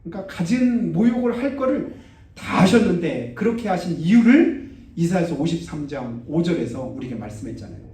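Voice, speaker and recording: A man preaching a sermon as pastor. He tells stories vividly, acts out the people in them, and rises to loud exclamations. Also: high voice, a little fast. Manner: animated storytelling, acts out quoted voices, rises to loud exclamations. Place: church sanctuary. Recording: roomy church from a distance.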